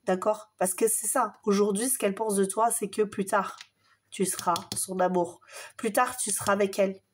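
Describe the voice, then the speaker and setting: A woman's voice: mid-range voice, fairly even intonation, normal speed, slight background noise. A woman giving a casual tarot reading straight to the viewer, affectionate and encouraging, her voice a bit strained. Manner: affectionate, encouraging, chatty with many fillers. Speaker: tarot card reader.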